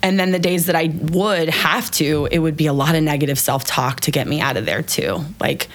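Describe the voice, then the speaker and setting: A woman's voice: deep voice, normal speed. A woman founder, a podcast guest, telling her personal story candidly and with emotion, swearing casually now and then.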